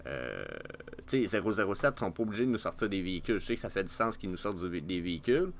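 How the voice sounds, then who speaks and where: Casting: lowish-voiced Quebec French guy, excitable vlogger, cusses and stumbles through fillers. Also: quick pace. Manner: excitable, swears freely, many fillers. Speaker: NFT market vlogger. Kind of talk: casual market commentary.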